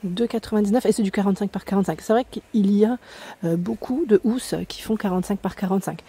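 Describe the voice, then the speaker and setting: A woman filming herself as she walks through a discount store, reading out prices and pausing now and then to check the labels. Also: medium pitch, mellow, breathy edge. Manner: chatty, pauses to check labels, reads prices aloud. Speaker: vlogger touring a discount store. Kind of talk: casual store-walk commentary. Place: inside a large retail store.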